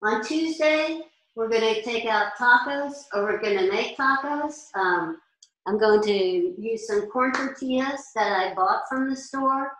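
Her pitch fairly high, her pace a little slow, and her tone fairly bright, this sixty-something chef gives a casual cooking lesson on meal planning. She stands gesturing at boards, talking in a chatty, practical way, and the big commercial kitchen makes the recording echo.

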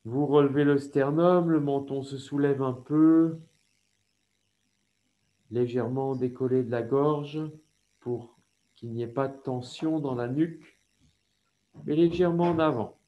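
A man with a French accent leading a yoga class over a video call, giving slow, calm instructions with breathing cues. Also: medium pitch, highs cut off. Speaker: yoga teacher.

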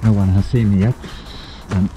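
A man's voice: fairly low pitch, steady tone, normal speed. A man narrating a casual, sweary first-person adventure vlog outdoors, his voice muffled by a gas mask. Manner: sweary, informal, talking to camera. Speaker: vlogger playing a survival mission. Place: outdoors in a forest. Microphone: handheld action camera at arm's length. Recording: dull muffled sound through mask. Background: music.

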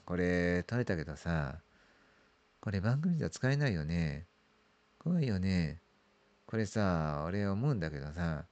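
Middle-aged male, low smooth voice, creepy ghost-story narrator, drawn-out phrasing with trailing endings. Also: a little mellow. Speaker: amateur ghost story teller. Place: small dark room indoors.

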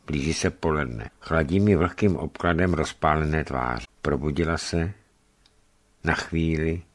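Deep-voiced man reading a travel memoir. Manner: measured, expressive reading. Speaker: narrator.

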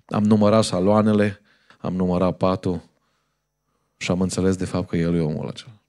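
A male preacher delivers a fervent sermon in a church. His voice sits low and sounds warm and dark. He moves between exhortation and storytelling. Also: fairly even intonation. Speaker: pastor.

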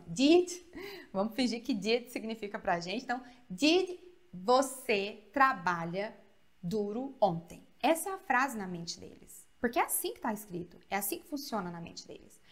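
Brazilian woman teaching English grammar. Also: high voice. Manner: explains with frequent "né?" and "tá?" check-ins, repeats examples slowly. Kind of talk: video lesson explaining grammar.

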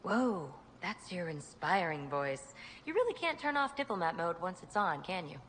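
A friendly video game companion who likes to tease. Her lowish voice swings freely in pitch, in a reverberant space with faint noise. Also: sing-song, moderate pace, a bit bright. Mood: teasing. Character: friendly, teasing female companion.

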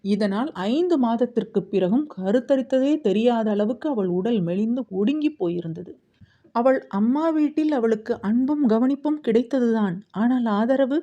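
A woman's voice: fairly high pitch, mellow, dull audio. A woman narrating a novel as an audiobook, telling the story expressively.

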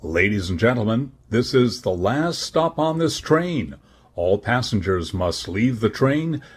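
A man giving a formal end-of-line train announcement, built from phrases spliced together from separate recordings so the pitch and pace shift from phrase to phrase. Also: very animated, measured pace, slightly rough. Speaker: train conductor.

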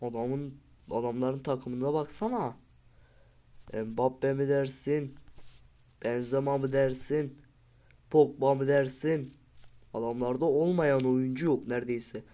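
A man's voice: medium pitch, fairly even intonation, slow, long pauses, warm tone. A man giving casual commentary over a football video game, with frustrated outbursts and pleading at his players. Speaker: gaming video creator.

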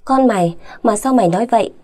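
A woman's voice: a little high, fast, mellow, close to an everyday voice. A woman narrator voicing a bitter young wife who answers back with raised, indignant lines. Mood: angry hurt. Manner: indignant, rising and heated.

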